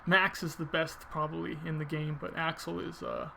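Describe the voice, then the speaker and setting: A man commentates casually over gameplay in a somewhat high, narrow-ranged voice with a creaky edge. He explains technique informally, thinking aloud as he goes, with some noise behind him. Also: level tone, moderate pace, bright, forceful tone. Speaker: video game player commentator.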